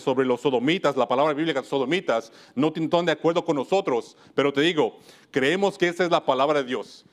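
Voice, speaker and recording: Male preacher from Wisconsin, somewhat high voice, earnest sermon delivery with many self-corrections. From United States (Wisconsin). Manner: earnest, often restarts and corrects himself mid-phrase. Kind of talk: church sermon.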